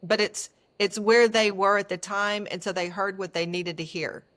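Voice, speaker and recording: A woman with a medium-pitched voice speaks as a coach being interviewed. She talks earnestly and emphatically, laying out her points in short statements and lists, in a conversational storytelling way. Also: steady tone, normal speed, fairly bright tone. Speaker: etiquette coach.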